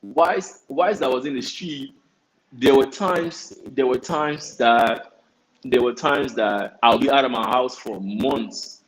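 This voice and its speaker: A young man telling his personal testimony in a halting, earnest way, often repeating words. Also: medium pitch, slight background noise, low-quality recording. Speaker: guest. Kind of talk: personal testimony in a talk show interview.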